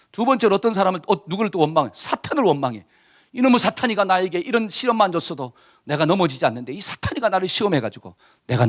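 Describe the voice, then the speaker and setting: A male pastor preaching a lively, conversational sermon, acting out little quoted exchanges and putting questions to the congregation. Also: high-pitched.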